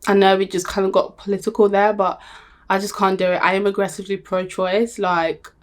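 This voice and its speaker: Young woman, vlogger, casual to camera, blunt, emphatic, animated. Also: mid-range voice, a little fast. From Nigeria.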